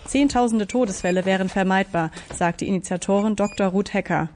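A woman reads a scripted radio news report at a calm, measured pace. Her voice sits at a middle pitch. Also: slight background noise.

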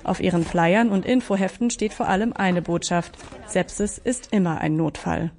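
A woman reporter reading a scripted radio news report in a calm, measured way. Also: on the low side, noisy background.

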